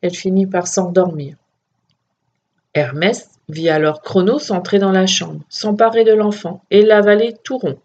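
A woman narrating a children's myth story in a steady, expressive reading voice. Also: mid-range voice, measured pace, lo-fi sound, a little hiss or hum.

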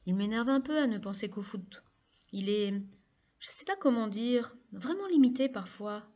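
A woman's voice: a little high, lively intonation, a little slow, mellow. A woman reading as an emphatic, emotional teenage girl.

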